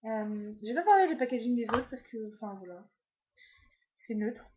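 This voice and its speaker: A woman from France talks through her makeup haul at home in a casual, rambling way, full of fillers and asides. Her voice sits a little high. The sound is dull and lo-fi, like a basic home video. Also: lively intonation, moderate pace, background noise. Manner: chatty, many fillers and trailing asides. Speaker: beauty vlogger. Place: at home, indoors.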